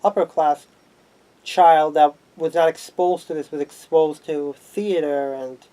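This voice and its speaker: Male guest, sociology student, mellow tone, measured explanations, slightly high. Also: fairly even intonation, rough recording. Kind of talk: casual discussion.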